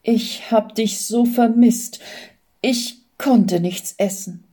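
A woman voicing a grieving young husband in a storybook reading, speaking in a halting, shaken way. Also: fairly high pitch, dark tone. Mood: pained.

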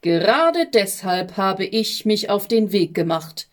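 A woman voicing the Envoy, calm and resolute. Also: medium pitch, slow pace. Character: the Envoy, a weary but resolute male traveller. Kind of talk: storybook reading.

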